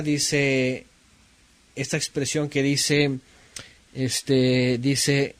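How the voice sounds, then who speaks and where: A man teaching a Bible class at a medium pitch. He keeps turning to his listeners with questions and repeats key phrases of scripture slowly for weight. The recording is dry, with little room sound. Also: dry recording. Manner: asks the class questions, rereads verses slowly with emphasis.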